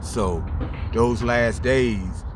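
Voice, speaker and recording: A man's voice: medium pitch, extremely slow, music in the background. A middle-aged man, interviewed outdoors in a city park and telling his story in a heartfelt, stumbling, repetitive way. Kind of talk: candid street interview. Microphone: phone camera held close. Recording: outdoor street noise, traffic.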